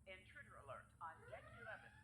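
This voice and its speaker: A calm starship computer reads out damage and intruder alerts in clipped, even announcements. The voice sits high and swings widely in pitch. It rings with echo over loud game noise. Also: male voice, fast. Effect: ship computer announcement voice. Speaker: ship computer in a video game. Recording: echoey game audio with loud background noise.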